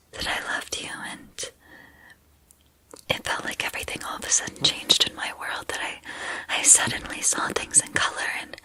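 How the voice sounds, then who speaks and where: A woman in a whispered role-play, voicing an obsessive, lovestruck female student turned captor who confides haltingly in a breathy whisper. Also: sharp tone, rough recording. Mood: tender, shy. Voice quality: breathy whisper, mostly unvoiced. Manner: hesitant, halting, intimate confiding.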